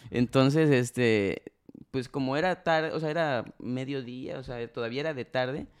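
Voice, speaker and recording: A man's voice: mid-range voice, moderate pace, smooth. A young adult man with a Mexican accent, a podcast guest telling a story in casual, slangy talk. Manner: animated storyteller, slangy, acts out quoted voices.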